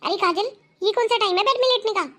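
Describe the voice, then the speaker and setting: A woman's voice: extremely high pitch, quick pace, pushed and bright, voice pushed up. A woman voicing a firm middle-aged mother in a cartoon, lecturing her daughter at length. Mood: cheerful. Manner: lecturing, scolding. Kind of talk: cartoon voice acting.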